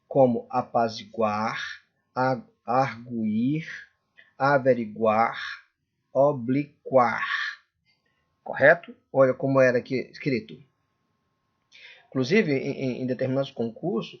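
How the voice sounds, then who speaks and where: A male Portuguese teacher giving a classroom lecture, often checking in with the class and drawing out example words slowly. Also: mid-range voice, lo-fi sound. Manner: checks in constantly with "correto?" and "tudo bem?".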